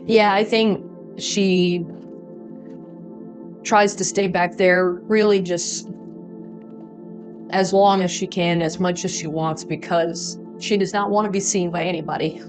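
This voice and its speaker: A woman's voice: fairly low pitch, steady tone, takes it slowly, long pauses, over music. A woman playing a tabletop game, tentatively describing what her character does. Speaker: player.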